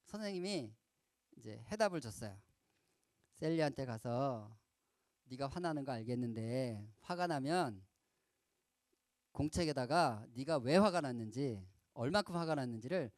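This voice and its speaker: A middle-aged man giving a lively storytelling lecture to children at a camp, acting out quoted lines and asking the audience questions. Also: on the high side, no room sound. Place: lecture hall at a youth camp.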